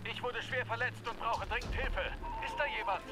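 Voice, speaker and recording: A man's voice: extremely high pitch, a little fast, over music. A man voicing an injured male co-pilot in a video game, pleading for help in a distress call over an aircraft radio. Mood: urgent pleading. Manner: pleading, repeating calls for help. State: badly hurt, urgent. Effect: distress call heard over an aircraft radio. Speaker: game character.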